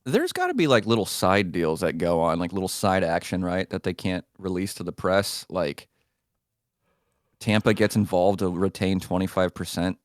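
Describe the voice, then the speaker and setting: A man's voice: low voice, very animated, normal speed, no echo, studio quality. A man co-hosting a casual hockey podcast, wisecracking with crude jokes and swearing casually. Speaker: podcast co-host.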